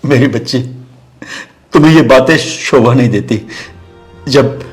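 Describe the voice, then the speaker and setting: A man's voice: medium pitch, measured pace, faint music behind, lightly acted. A man playing a poor, dutiful father-in-law in a scripted drama, speaking in a fatherly, pleading way.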